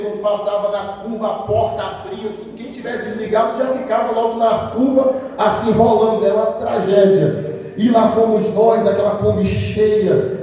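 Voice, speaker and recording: A man's voice: high-pitched, dark tone. A man preaching as a pastor, emphatic, repeating his phrases for effect. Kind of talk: sermon. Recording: echoey hall from far off.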